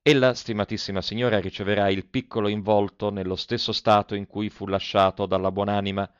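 A cautious old nun writing in ceremonious, careful phrases, read by a man in his own low voice. The delivery is measured and formal, on a dry, close recording that sounds dull and muffled. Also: level tone, clean tone, no room sound, natural voice. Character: elderly nun, cautious, formal letter writer. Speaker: audiobook reader. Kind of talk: reading a formal letter aloud.

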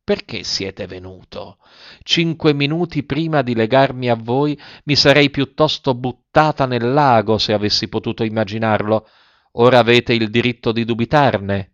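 A man's voice: mid-range voice, normal speed, fairly bright tone, no room sound, lightly acted. A man voicing a proud, bitter noblewoman who answers with clipped, scornful retorts, in a slightly dull, dry recording. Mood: bitter, ironic.

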